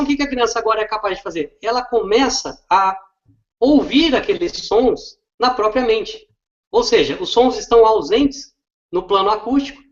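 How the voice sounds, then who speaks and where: High-voiced man explaining patiently. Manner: explains step by step, often adds "não é?" tag questions. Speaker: literacy educator. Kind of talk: didactic explanation in conversation. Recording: dull lo-fi recording.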